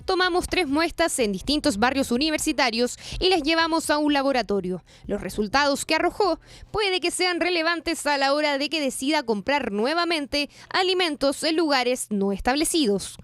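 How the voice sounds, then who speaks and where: High-voiced woman news reporter. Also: normal speed, few pauses, no echo. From Chile. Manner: clear, steady reporting delivery.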